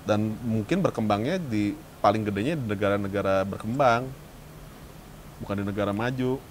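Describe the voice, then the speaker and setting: A man's voice: fairly low pitch, normal speed, slight background noise. A man, co-hosting a casual podcast chat and telling stories with joking asides. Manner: animated storyteller, joking asides.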